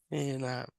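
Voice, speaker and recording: A man's voice: medium pitch, vocal fry, warm tone, dry recording. A man teaching an Arabic class in French, patiently explaining and correcting students. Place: mosque classroom.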